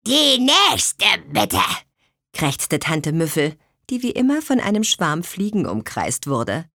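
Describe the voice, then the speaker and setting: A woman narrating a children's storybook in an expressive, unhurried way. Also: low-pitched, no room sound, studio quality.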